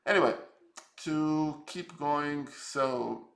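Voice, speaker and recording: Slow, gravelly Serbian-accented man. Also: a little high, fairly bright tone, roomy sound. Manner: halting, many fillers, reflective. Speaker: chess streamer. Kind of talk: live-stream game review.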